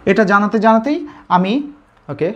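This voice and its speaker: Bangladeshi teacher drilling grammar questions. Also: male voice, sits high, lively intonation, measured pace, fairly bright tone. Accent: Bangladeshi Bengali. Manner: repeats questions and answers them himself. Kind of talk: live online grammar lesson. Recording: slightly dull lo-fi audio.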